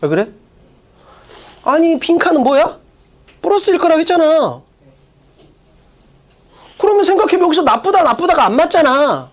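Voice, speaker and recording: An English exam-prep teacher giving an online lecture, coaching students with quick rhetorical questions in a casual, plain classroom way. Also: extremely high pitch, sing-song.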